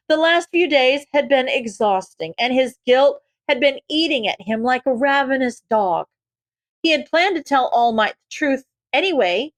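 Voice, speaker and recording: Casting: woman narrator for fan fiction, higher voice, steady, dry close sound. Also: no room sound. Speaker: audiobook reader.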